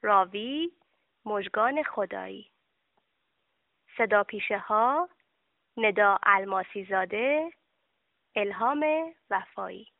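A woman's voice: mid-range voice, lively intonation, gravelly, long pauses, no room sound. A woman narrating a children's story expressively, speaking to children, on a dry, tinny recording. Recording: dry, tinny phone-like sound.

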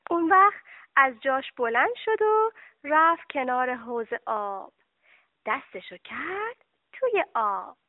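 A woman's voice: sits high, very animated, no echo. A woman narrating a children's story expressively, speaking to children, on a dry, tinny recording. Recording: dry, tinny phone-like sound.

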